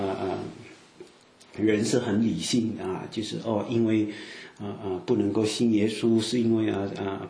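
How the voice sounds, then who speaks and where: A man's voice: fairly low pitch, dark tone, echoey room. A man from southern China with a southern accent, preaching a sermon in a loose, conversational way full of fillers and asides. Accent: southern Chinese.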